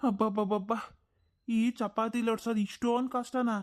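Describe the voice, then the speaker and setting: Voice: mid-range voice, fairly even intonation, normal speed, faint music behind, natural voice. A performer doing a whiny, lazy grown son. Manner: whiny, complaining. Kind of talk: cartoon voice acting.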